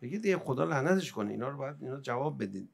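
A man giving a religious sermon, swinging from quiet, measured explanation to emotional, pleading outbursts. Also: medium pitch, animated, gravelly, husky. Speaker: preacher.

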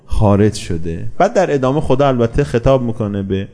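Speaking in a mid-range voice, a man gives a sermon built around a story. His delivery is animated, and he fields his own rhetorical questions.

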